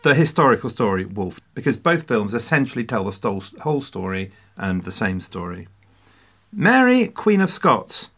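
A man's voice: on the low side, expressive, a little fast, few pauses, fairly bright tone. An English man hosting a casual history podcast, full of jokey asides and mock French phrases. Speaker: podcast host.

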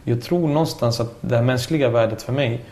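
A man in his forties, a former footballer turned youth coach, telling stories in a casual interview with frequent restarts. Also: mid-range voice. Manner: talkative, animated storytelling with frequent restarts.

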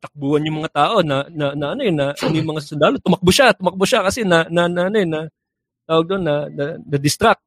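A man's voice: fairly high pitch, fast, fairly bright tone, no echo. A young man animatedly telling a joke story, acting out characters with sound effects and laughing at his own punchlines. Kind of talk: casual storytelling.

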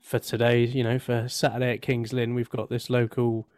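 Mid-pitched man chatting loosely, dry sound. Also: flat delivery, normal speed, a little mellow, dry recording. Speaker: podcast panellist. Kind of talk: casual football podcast chat.

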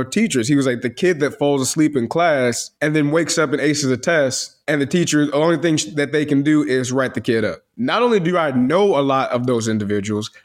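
Rambling, slangy man with a carrying voice. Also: a little high. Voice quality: voice that carries. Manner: loose, rambling storytelling with slang and restarts. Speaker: podcast co-host. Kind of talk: casual podcast chat.

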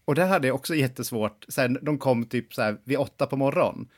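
A man co-hosting a podcast in casual chat, outspoken and often laughing as he tells stories. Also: mid-range voice. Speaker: podcast co-host.

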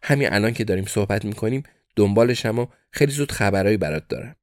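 A man voicing a calm, wry, middle-aged English fixer who soothes an angry client. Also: fairly low pitch, no echo, studio quality, lightly acted.

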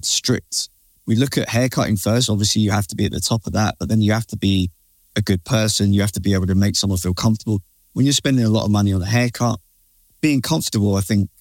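British male, informal and slangy interviewee, lower-pitched, brisk delivery, matey and opinionated. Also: dry recording. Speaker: barber and creative director, interview guest. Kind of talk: casual interview chat.

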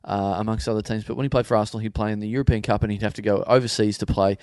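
A man's voice: on the low side, very fast, no room sound. Man, casual podcast co-host, swears freely, laughs easily, dry studio sound. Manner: animated, swearing, laughing often. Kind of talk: casual banter.

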